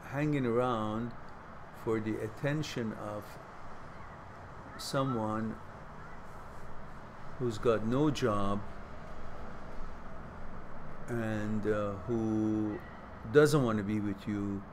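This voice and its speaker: A man's voice: on the low side, fairly even intonation, very slow, pauses often, background noise. A middle-aged man hosting a live question-and-answer stream, giving reflective advice and reading out viewers' messages. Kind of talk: casual live advice talk.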